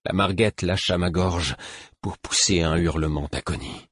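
A man with a low, husky voice reads a first-person adventure audiobook with measured, grave intensity. The recording is close and completely dry, as in a small booth. He keeps a steady storyteller's pull through every sentence. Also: no echo. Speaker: audiobook narrator. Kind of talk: dramatic audiobook reading.

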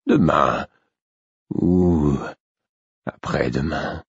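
Male reader doing a worn-out old king, very low and husky, slow faint breathy words, muffled dull sound. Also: no room sound, full character voice. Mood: weary, fond. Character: frail dying old king, weary and fond.

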